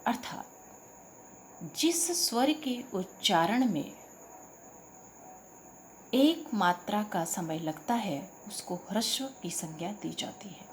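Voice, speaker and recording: A woman teacher explains a grammar lesson, slowly reciting each sound in turn. Her pace is unhurried and measured. A faint hiss of noise sits behind her voice. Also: mid-range voice. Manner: slow, deliberate, recites sounds one by one.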